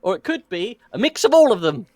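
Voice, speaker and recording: A man's voice: high-pitched, very animated, brisk, a little mellow, dry recording, clean studio sound. A man co-hosting a casual racing podcast, jokey and playful, swearing now and then. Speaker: podcast co-host.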